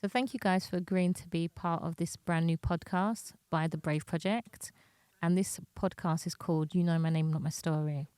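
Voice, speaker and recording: A woman leads a podcast conversation, framing questions in a measured, polite way. Her low voice is warm and clean, and the room sounds dry and close. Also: clean tone, dry recording. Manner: organized, polite, briefly corrects herself. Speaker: podcast interviewer. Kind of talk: interview questions.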